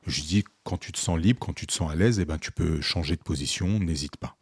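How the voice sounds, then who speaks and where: A man with a fairly low voice tells an animated story in casual chat, slipping in and out of dialogue with plenty of "euh"s. His voice sits close and dry, with no room sound around it. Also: brisk, husky, no room sound. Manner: animated, re-enacts dialogue with many fillers. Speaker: podcast co-host, photographer.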